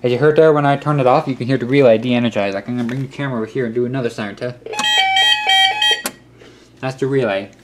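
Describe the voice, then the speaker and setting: A man hosting a hobby electronics how-to speaks fast with a steady, medium-pitched tone, broken up by long pauses, as he explains things step by step in a practical, instructional way. A handheld camera in a cluttered workshop or utility room records him, picking up clicks and clear background noise.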